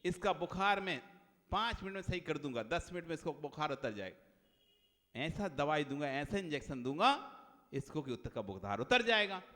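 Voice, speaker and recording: A man playing a smug quack doctor who speaks in a low, hushed, confident tone. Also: big pitch swings, normal speed. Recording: long hall reverb.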